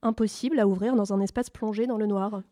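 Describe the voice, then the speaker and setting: A woman's voice: mid-range voice, fairly even intonation, fast talker, dark tone, no echo. A woman appearing as an expert guest on a mock documentary, laying out precise, detailed explanations.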